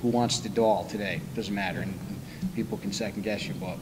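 A man's voice: fairly low pitch, steady tone, brisk, background noise. An older man coaching college baseball, answering at a postgame press conference in a candid, rambling way with dry humor. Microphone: table microphone.

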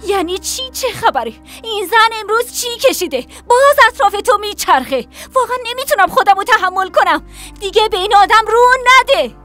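Accusing young daughter, piercing high voice, music behind. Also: female voice, lively intonation, pushed and bright, full character voice. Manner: angry, accusing. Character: angry young adult daughter confronting her father. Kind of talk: Persian dub of a TV drama.

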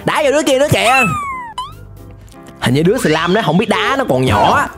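Animated female reaction host, lively chatty commentary, music under her. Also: mid-range voice, brisk. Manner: lively, exclaiming, addresses viewers often. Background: video music.

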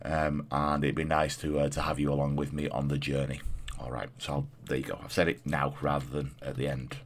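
A man's voice: rumbling low, flat delivery, fairly quick, slight background noise. A man in his thirties with a throaty, stuffed-up voice from a cold, chatting casually through gameplay as a video host and repeating phrases for emphasis. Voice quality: throaty, congested.

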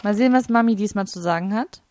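A woman's voice: mid-range voice, fast, a little mellow. A woman casually commenting on her own gameplay. She thinks aloud, laughs a lot and makes wry, teasing remarks. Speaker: let's play host.

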